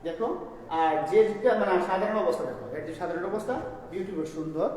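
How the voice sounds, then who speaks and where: A man's voice: high voice, fast talker, a little mellow. A man teaching a classroom grammar lesson, explaining step by step and asking his students questions as he goes. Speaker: school teacher. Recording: echoey room, long reverb.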